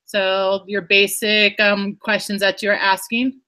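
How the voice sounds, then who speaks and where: Chatty bright-voiced woman teacher. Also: mid-range voice, flat delivery, slow. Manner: rambling, self-correcting, chatty. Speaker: teacher presenting her lesson. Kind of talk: casual explanation in an online workshop.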